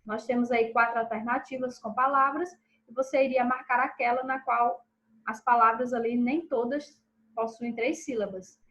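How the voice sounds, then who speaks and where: Woman teacher, high-pitched, recorded lesson, slow clear syllables, checks in with pupils. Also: fairly even intonation, fairly bright tone, rough recording. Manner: checks in with pupils after each answer; stresses syllables slowly and clearly. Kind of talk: recorded lesson reviewing exercises.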